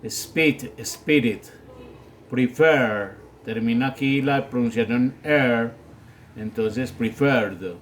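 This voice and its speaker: A man giving a grammar lesson as a teacher, explaining step by step and often checking with a quick question. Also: medium pitch, a little hiss or hum. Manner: slow, patient, checks with "¿sí?". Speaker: English teacher.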